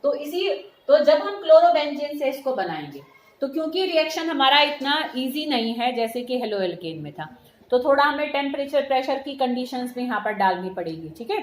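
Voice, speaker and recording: A middle-aged woman teaches a chemistry class, explaining patiently, mixing in English terms and calling her students "beta." Her voice is high-pitched, very animated and a little fast, recorded in an echoey room with faint noise.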